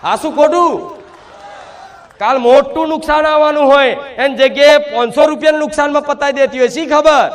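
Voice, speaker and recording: A man preaching a sermon to devotees, speaking in first person as the mother goddess and repeating fervent rhetorical questions. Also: very high-pitched.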